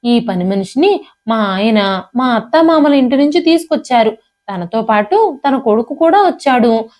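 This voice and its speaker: Brief: woman reader playing a haughty young wife, sharp and contemptuous, pitched up from her narration. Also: lively intonation, moderate pace, lightly acted. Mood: scornful. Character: scornful proud young wife, cold to in-laws.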